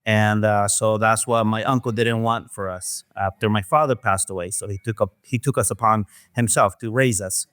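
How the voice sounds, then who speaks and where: A man from Mexico, a guest in an interview, talking in a soft, hesitant way with many fillers. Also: lowish voice, steady tone, normal speed, hardly any pauses, dry recording. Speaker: guest, restaurant owner. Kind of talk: casual interview talk.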